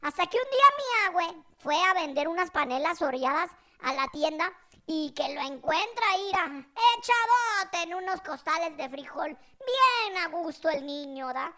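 Woman podcast host, casual slangy storyteller, very high bright voice. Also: animated, measured pace. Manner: chatty, slangy, tags questions to the listener.

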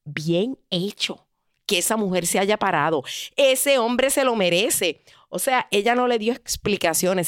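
A woman giving relationship advice through an animated story, acting out the voices of the people in it. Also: on the high side, no echo, clean studio sound. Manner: animated, acts out quoted voices.

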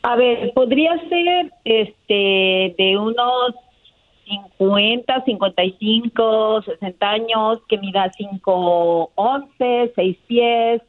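A woman's voice: on the high side, slow pace, no room sound. A woman in her sixties chatting casually as a radio dating-show contestant, blunt and assertive. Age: 60s. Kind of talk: casual chat. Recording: muffled, dry call audio.

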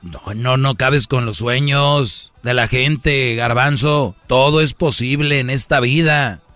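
A man's voice: medium pitch, steady tone, takes it slowly, a bit bright, no room sound, soft background music. A man hosting a comedy radio show, teasing and mock-scolding his listeners in slangy casual talk. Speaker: radio host.

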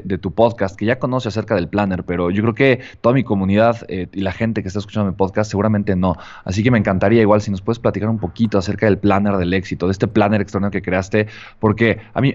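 A man hosts a podcast conversation, earnest and padded with fillers and tag questions. His voice sits low. The audio is slightly muffled and lo-fi. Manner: earnest, many fillers and "¿no?" tags. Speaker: podcast host interviewing a guest.

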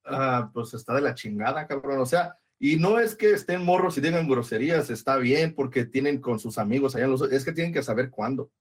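A man's voice: medium pitch, brisk, hardly any pauses, slightly rough. A man from Veracruz, co-hosting a casual podcast chat, full of crude slang and stray English phrases. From Veracruz, Mexico. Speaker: podcast co-host.

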